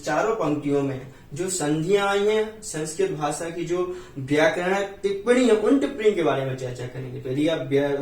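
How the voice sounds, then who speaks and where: A man with a Hindi accent teaches a Jain hymn line by line, slowly chanting verses and explaining each word. His voice sits somewhat high and comes from a distance in a roomy, echoing space. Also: a little mellow. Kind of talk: teaching Sanskrit hymn recitation and meaning. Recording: roomy echo, distant from mic.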